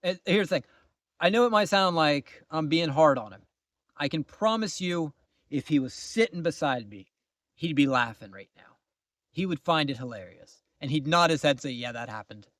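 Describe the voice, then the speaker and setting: A man recounting his own misadventures in a casual vlog, his voice swinging up and down with a slightly high pitch. He sounds exasperated, often sinking into low asides. The sound is close and completely dry. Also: moderate pace, dry recording. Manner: animated, exasperated storytelling, drops to low mutters. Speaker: vlogger. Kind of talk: casual storytime.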